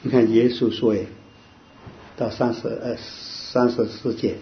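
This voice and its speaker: A man leading an informal Bible study, quizzing his listeners and quoting verses in a slow, drawn-out way. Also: mid-range voice, level tone. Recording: dull lo-fi with faint hiss.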